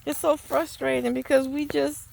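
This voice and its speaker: Outdoors in a rural yard or garden, a woman vlogger talks to the camera in an earnest, exasperated monologue that turns preachy and often restarts. Her high voice stays fairly flat in pitch, moves at a normal speed, and has vocal fry with a slightly mellow quality.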